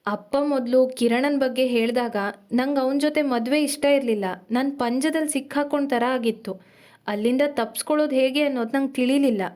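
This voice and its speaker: Audio drama: tense young woman confessing in a hurried, strained rush, high and quick, as the reader puts her on. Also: steady tone, a little mellow, lightly acted.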